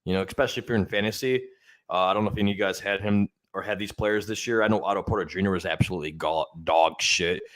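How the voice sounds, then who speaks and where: A young man hosting a casual sports podcast, chatty and loose, filling pauses with hums and fillers. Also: on the low side, fairly bright tone. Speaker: podcast host.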